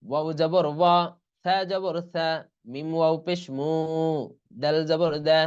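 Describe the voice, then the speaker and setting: A man teaches an online Quran reading lesson, slowly and deliberately spelling out letters and vowels one at a time before drawing out each whole word. His voice is on the high side, steady, smooth and darkish, and the recording has its highs cut off.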